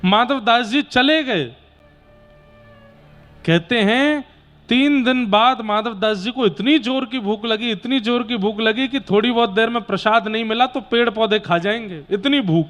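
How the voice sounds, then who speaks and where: A man's voice: extremely high pitch, a bit bright. A man telling devotional stories as a preacher in a sermon, addressing a gathering. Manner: unhurried, preaching to a gathering, breaking into devotional song. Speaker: katha preacher.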